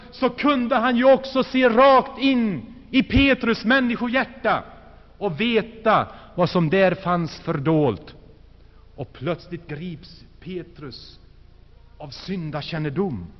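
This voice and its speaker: A man preaching an earnest sermon, rising in force and then sinking to hushed, low phrases. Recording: dull, lo-fi recording with long hall reverb.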